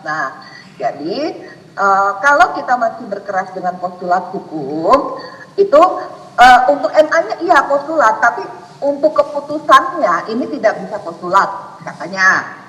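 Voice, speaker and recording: A woman on a recorded phone call, played back over loudspeakers, explaining at length with many fillers. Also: mid-range voice, big pitch swings, moderate pace. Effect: recorded phone call played over courtroom loudspeakers. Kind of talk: casual phone conversation. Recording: echoey hall audio played from far off.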